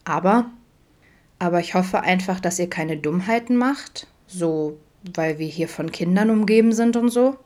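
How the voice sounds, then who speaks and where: A woman's voice: fairly low pitch, a little slow, darkish tone, lightly acted. A woman voicing Alex, a wry young woman who teases her friends with mock sternness. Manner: sly, teasing, mock stern. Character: wry young woman, teasing camp counselor.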